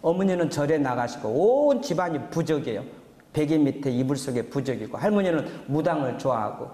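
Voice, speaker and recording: A man's voice: on the high side, animated, fairly quick, warm tone. A man in his sixties, a pastor, telling his testimony in a sermon, earnest and rising into fervent exhortation. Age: 60s. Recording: reverberant church hall.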